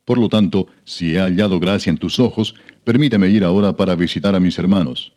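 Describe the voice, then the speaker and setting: A man's voice: sits low, a little fast, darkish tone, lightly acted. A man reading an earnest young prince.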